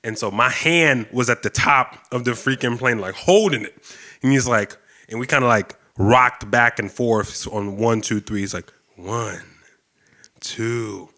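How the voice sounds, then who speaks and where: A man casually telling a long story in conversation, animated and laughing, acting out what people said. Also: mid-range voice, measured pace. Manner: animated, laughing, acts out quotes.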